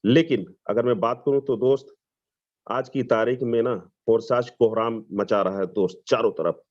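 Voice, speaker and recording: A man from Lucknow, giving an enthusiastic sales pitch on a video call and mixing in English phrases. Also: steady tone, normal speed, a little mellow. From Lucknow, Uttar Pradesh, India. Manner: enthusiastic, persuasive, mixes English phrases, repeats "dost". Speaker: webinar presenter. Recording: dull lo-fi video call audio.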